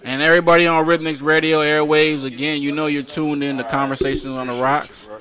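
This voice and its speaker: A male radio show host closing the show with a slow, drawn-out sign-off. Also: a little high, flat delivery, a crowd in the background.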